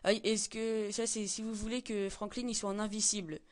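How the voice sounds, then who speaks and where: A man's voice: high-pitched, level tone, moderate pace. Hesitant teen boy explaining a game tutorial. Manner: hesitant, many fillers and self-corrections. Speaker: gaming tutorial maker. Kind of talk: screen-recorded tutorial.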